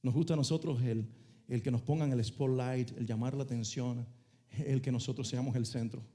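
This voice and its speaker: A male pastor preaching a sermon, telling a story with dramatic shifts between soft and loud delivery and asking the congregation to repeat phrases. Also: mid-range voice, steady tone, moderate pace.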